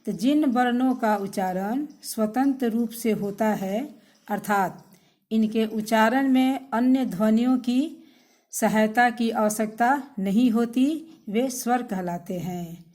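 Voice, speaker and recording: A woman's voice: a little high, slow pace, a little mellow. A woman teacher giving a recorded grammar lesson to schoolchildren, patiently repeating definitions and speaking to the children directly.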